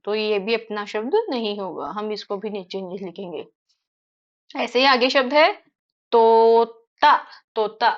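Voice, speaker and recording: A woman teacher explaining word sounds to young children, repeating each word slowly and checking in with them often. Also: fairly high pitch, dull audio. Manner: slow, stretched-out repetition of words; frequent tag questions to children. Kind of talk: children's phonics lesson.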